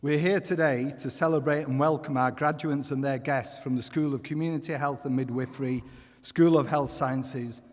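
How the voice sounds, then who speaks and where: A man giving a formal, measured podium speech as a university vice-chancellor in a large, echoing hall. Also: mid-range voice. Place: large ceremony hall, indoors. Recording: echoey hall with long reverb.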